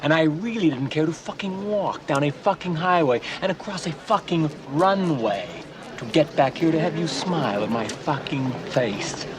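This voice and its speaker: A man's voice: a little high, lively intonation, normal speed, crowd noise, natural voice. An actor playing a furious stranded man at a car rental counter, ranting with profanity in a film clip.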